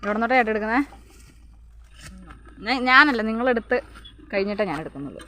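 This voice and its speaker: A woman's voice: on the high side, lively intonation, fast talker, noisy background. A woman talking casually to her viewers while walking outdoors on a rural plantation, recorded on a handheld phone. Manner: chatty, addresses viewers often. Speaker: vlogger. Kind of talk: casual walk-and-talk vlog.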